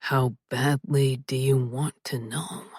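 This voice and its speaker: A confident, teasing man, voiced by a woman narrator, drops low and murmurs each line half-whispered. The delivery is slow and husky, close and dry, in an audiobook read. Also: fairly even intonation, darkish tone, no echo, full character voice. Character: confident, teasing adult male lover. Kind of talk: audiobook character voice.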